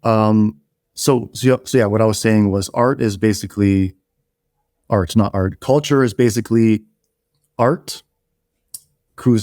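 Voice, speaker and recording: With a fairly low pitch and a darkish tone, this man talks a little slowly and pauses often. He co-hosts a podcast in rambling, casual conversation, restarting frequently and swearing casually; he grew up in Canada, his first language is Polish, and the studio-quality audio has no echo.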